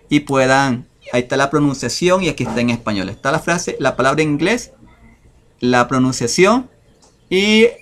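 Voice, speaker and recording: A man teaching English vocabulary over a screen share, talking in a slow, hesitant way with many fillers. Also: mid-range voice, fairly bright tone.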